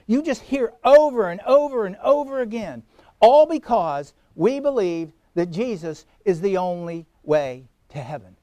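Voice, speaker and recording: A male pastor delivering a sermon with a high-pitched voice. He leans hard on key phrases, repeating them and slowing down to drive each point home. The sound is dry and close, with little room echo. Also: lively intonation, warm tone. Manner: emphatic preaching, repeats key phrases, slows for stress. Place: church sanctuary.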